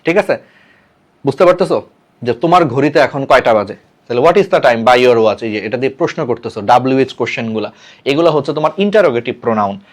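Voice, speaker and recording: A man teaching an exam-prep English grammar lesson in Bengali with a Bangladeshi accent. He reads English example sentences slowly and deliberately and often checks in with his students. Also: medium pitch. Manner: checks in often with "ঠিক আছে?".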